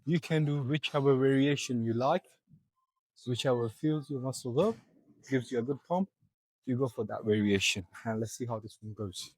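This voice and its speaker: A man's voice: mid-range voice, moderate pace, no echo, poor audio. A young man in a gym, out of breath, coaching viewers step by step through a back workout. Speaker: fitness vlogger. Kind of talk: casual gym walkthrough.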